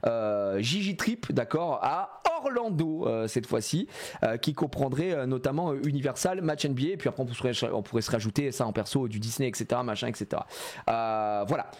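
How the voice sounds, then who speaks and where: A man in his thirties chatting live with his viewers, rambling from one thought to the next with plenty of fillers and jokes. His pitch sits in the middle and swings widely, jumping up high when he gets excited. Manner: rambling, animated, jokey, many fillers. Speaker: streamer. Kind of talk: casual live-stream chat with viewers.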